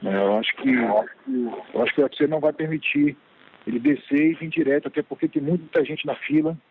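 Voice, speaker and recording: A man's voice: on the high side, fairly even intonation, fast talker, husky. Man on a tinny conference call line. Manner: hesitant, thinking aloud with fillers. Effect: heard over a phone conference line. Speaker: fighter answering press questions. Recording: tinny phone line with faint hiss.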